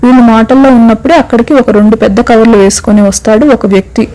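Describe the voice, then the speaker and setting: Woman, storyteller, audio story narration, somewhat high voice, lively. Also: fast, rough recording.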